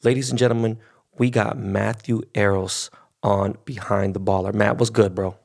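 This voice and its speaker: A man, hosting a casual podcast interview in a profane, excitable way. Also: fairly low pitch, moderate pace, vocal fry. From Los Angeles. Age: 40s. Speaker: podcast host.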